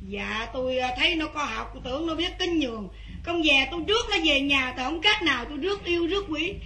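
Shrill scolding old mother-in-law. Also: expressive, quick pace, bright, forceful tone, heavily acted. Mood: testifying. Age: older. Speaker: actor. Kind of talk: stage drama acting. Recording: echoey room.

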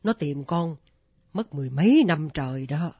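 A gruff elderly grandmother scolds in a low, husky voice. The radio drama sounds muffled and dry. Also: lively intonation, moderate pace, dry recording, exaggerated voice. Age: older.

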